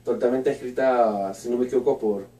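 Mellow-voiced radio host. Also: male voice, medium pitch, fairly even intonation, fairly quick, far from the mic. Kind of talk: hosting an interview. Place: small radio studio with red wall. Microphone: boom mic at a desk, headphones on. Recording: echoey room, voice picked up from afar.

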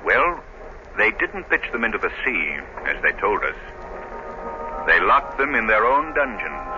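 An actor playing a grave, resolute crime fighter in a 1930s radio drama, authoritative, deliberate and theatrical. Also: male voice, fairly low pitch, big pitch swings, music in the background. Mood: calm, grave. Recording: dull, noisy 1930s radio recording.

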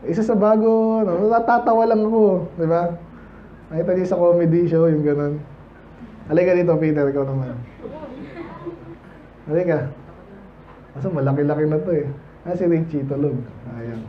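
A man's voice: fairly high pitch, moderate pace, long pauses, lo-fi sound, slight background noise. A man with a Filipino accent preaching a Baptist sermon in church, chatting with the congregation and asking "Amen?" and often acting out voices. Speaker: pastor.

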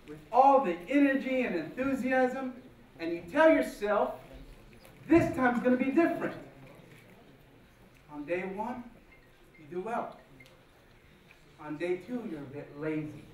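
Male stage orator, rehearsed and deliberate formal speech, measured phrases, recorded in a very echoey auditorium from a distance. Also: high-pitched. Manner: deliberate, rehearsed-sounding delivery in short measured phrases with dramatic pauses. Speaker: guest speaker at a speech competition. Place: large auditorium stage, indoors. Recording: very echoey hall, distant, faint noise.

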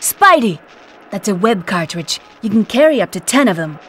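Confident game heroine giving tutorial tips, medium voice, faint noise behind. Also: female voice, medium pitch, sing-song, normal speed, a bit bright. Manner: familiar, instructive. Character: confident, helpful female costumed ally. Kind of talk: video game tutorial dialogue.

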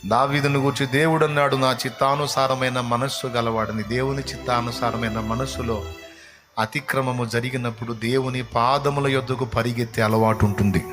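A man preaching a sermon with passion, swinging between loud pleading and hushed tones. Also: mid-range voice, fairly even intonation, a little fast, music in the background. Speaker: pastor.

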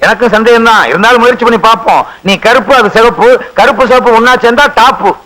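A sly, joking father with a very high, bright, sharp voice, plotting to marry money. The sound comes from an old comedy film soundtrack. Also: quick pace, poor audio. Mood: scheming. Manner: wisecracking, conniving. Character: scheming widowed father plotting a rich match. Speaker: comic film actor.

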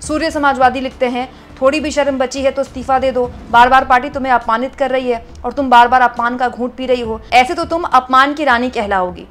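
A woman's voice: sits high, a little fast, hardly any pauses, fairly bright tone. A woman commentating on political news, reading out viewer comments and chatting to her audience as friends, with frequent hesitations.

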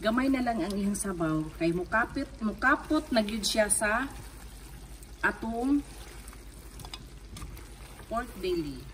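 A Filipino woman in her fifties with a Cebuano accent, casually talking through a home recipe in her kitchen, explaining each step in a relaxed, chatty way. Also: medium pitch, slow pace, long pauses, a little hiss or hum. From Philippines. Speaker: home cook. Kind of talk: casual cooking vlog narration. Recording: distant camera mic, music underneath.

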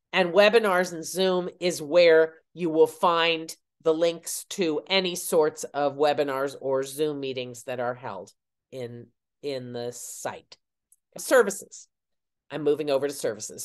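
In a screen-recorded walkthrough, an older woman who owns the website tours viewers through its menus. Her low voice is unhurried and explanatory, with phrases that trail off at the ends.

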